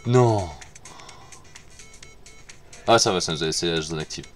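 Low-voiced gamer muttering to himself. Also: male voice, a little slow, soft background music. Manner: mutters to himself, repeats words, swears when he fails. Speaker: gamer playing on stream. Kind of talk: casual gameplay commentary.

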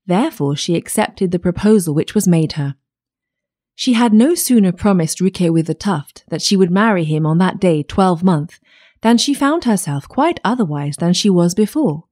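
A woman narrating a fairytale audiobook in a measured storytelling manner. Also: medium pitch, mellow.

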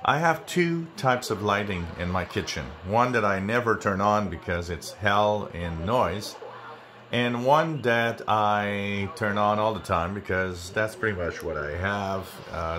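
A man's voice: on the low side, measured pace, a bit bright. A man hosting a hobby channel, giving a casual, conversational demonstration to viewers in an explanatory way. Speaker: host of a shortwave radio channel. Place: indoors in a home kitchen.

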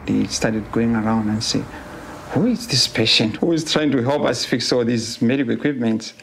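A man's voice: mid-range voice, moderate pace, creaky, fairly bright tone, a little hiss or hum. A man who works as an oxygen engineer, telling his story plainly in a documentary interview indoors. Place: indoor room. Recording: interview with music bed behind.

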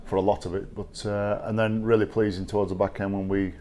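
Seated at a table before a sponsor backdrop in a small press room, a middle-aged English rugby league head coach gives post-match press conference answers into a table microphone. He has a deep, dark-toned male voice with little pitch movement, and there is slight background noise. His replies come out measured and halting, full of fillers and restarts.

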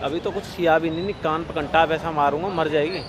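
A young man in a heated, defensive street argument, loud and exasperated, insisting he is telling the truth. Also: fairly high pitch, steady tone, fast talker. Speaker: accused boyfriend in a staged street prank. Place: busy street outdoors. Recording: noisy street crowd.

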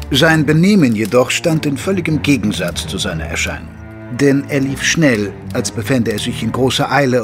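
A male actor narrates an audio drama as a detective's gentlemanly companion, his mid-pitched voice moving through measured, literary phrases. The scripted narration is lightly acted, with music playing behind him.

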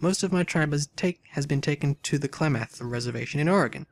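A man voicing a composed, frank woman in a text adventure game, read calmly and plainly. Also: a little high, fast talker. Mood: earnest.

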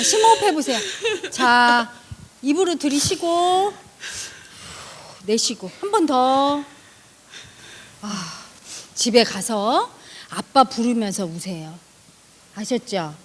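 Calm woman teacher in an echoing hall. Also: high voice, slow pace, long pauses, husky. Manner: calm, directive. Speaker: meditation teacher. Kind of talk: guided healing session. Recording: long hall reverb.

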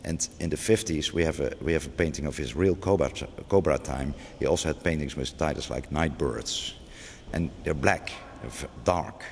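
Talking off the cuff in a vast gallery, this middle-aged curator stumbles through restarts and fillers. His extremely low voice moves at a moderate pace with few pauses, set against lengthy reverb and faint noise.

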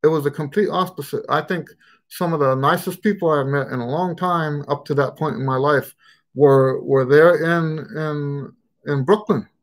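A middle-aged trumpet teacher with a somewhat high voice speaks at a moderate pace, fielding questions during a casual live stream from his living room at home. He rambles, often restarting sentences and stammering through repeats. His webcam picks him up from desk distance.

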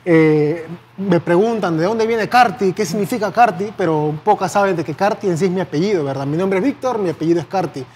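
Peruvian guy in his 20s, kinda high voice, easygoing rambly chat on a tv set, faint hiss. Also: brisk, a little mellow. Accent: Peruvian Spanish. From Peru. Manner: easygoing, rambling with fillers and restarts. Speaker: guest YouTuber. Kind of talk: casual interview chat. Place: TV studio set.

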